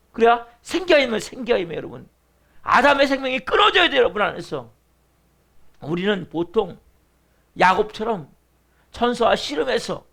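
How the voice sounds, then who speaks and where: A man's voice: high-pitched, creaky, fairly bright tone. A man preaching as the pastor of a church, pressing the congregation with repeated rhetorical questions in an earnest sermon. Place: church sanctuary.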